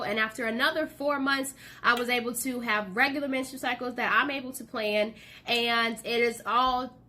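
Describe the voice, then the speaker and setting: Bright-voiced chatty woman host. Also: high voice. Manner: chatty, full of "um" and "like" fillers. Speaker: co-host and small business owner. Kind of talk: casual product and food chat.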